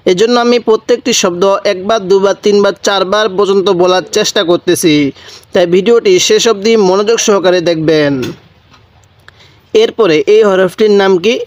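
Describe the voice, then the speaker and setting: High, clear-voiced man teaching Quran letters. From Bangladesh. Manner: patient, repetitive, prompting listeners to answer; drawn-out, slow letter pronunciations. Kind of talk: teaching Arabic letters step by step.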